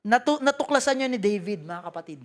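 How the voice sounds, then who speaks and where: Filipino woman preacher with a high voice, lively and joking, reading scripture in English. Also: fast talker. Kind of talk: sermon.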